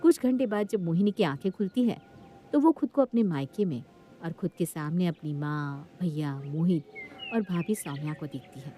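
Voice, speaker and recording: A woman's voice: fairly low pitch, moderate pace. Woman narrating a moral story. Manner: steady storytelling.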